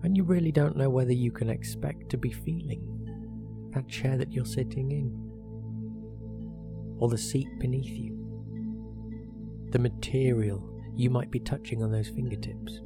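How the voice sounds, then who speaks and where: A medium-pitched man leads a guided hypnosis meditation as a relaxation therapist, calm and measured, pausing between short phrases. Meditation music accompanies him.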